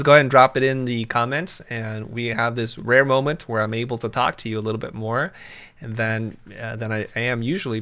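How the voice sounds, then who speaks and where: A man hosting a casual livestream chat on a video call, jokey and quick to laugh. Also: medium pitch, sharp tone. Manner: jokey, laughs often, slips into whispers. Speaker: host.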